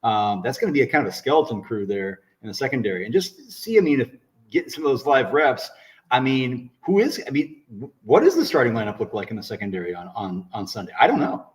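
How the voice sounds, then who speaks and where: A man talks through a remote laptop connection that sounds hollow and cave-like, as if from a bare echoey space. His delivery is halting and casual, full of restarts as he works out his thoughts on the game. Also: medium pitch, big pitch swings, distant mic. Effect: echoey, cave-like sound on a remote call. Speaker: co-host joining remotely. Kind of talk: casual sports chat. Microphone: laptop and camera on a remote call.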